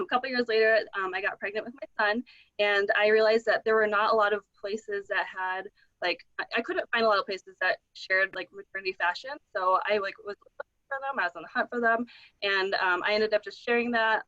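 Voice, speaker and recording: Brief: crisp, bright woman panelist, hesitant and chatty, on a dry lo-fi recording. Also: medium pitch, dry recording. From Michigan, United States. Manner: chatty, hesitant, many fillers. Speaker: panelist, influencer. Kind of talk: casual panel talk.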